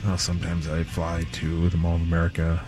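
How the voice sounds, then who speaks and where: A man doing a slow, dim-witted football star. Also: sits low, completely flat delivery, darkish tone, soft background music, close to an everyday voice. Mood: deadpan. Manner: slow, halting, full of "uh". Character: dim, deadpan male football player. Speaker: radio co-host doing celebrity impressions.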